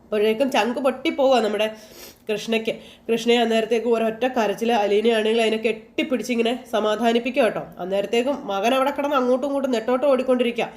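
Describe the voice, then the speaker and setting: A woman's voice: on the high side, fairly even intonation, quick pace, darkish tone. A woman casually retelling a TV serial episode in a chatty way, reading the characters' quarrels inline as she goes. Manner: chatty, tags lines with "you know". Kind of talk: casual storytelling recap.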